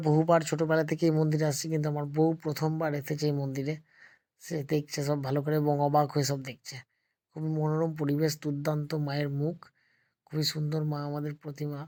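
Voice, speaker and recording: A man narrates a casual vlog, talking slowly and quietly because of a sore throat. His delivery stays flat and even, with little rise and fall. It is recorded on a phone he holds himself as he walks around temple grounds. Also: on the high side. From West Bengal, India. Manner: speaks slowly and softly, addressing viewers as friends. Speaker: travel vlogger. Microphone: phone held while filming.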